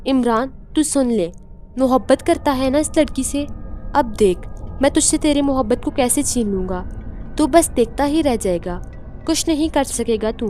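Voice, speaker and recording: A woman voicing a vengeful male spirit possessing a girl in a horror story, speaking slowly and threateningly. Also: high voice, animated, mellow, faint music behind. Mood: menacing.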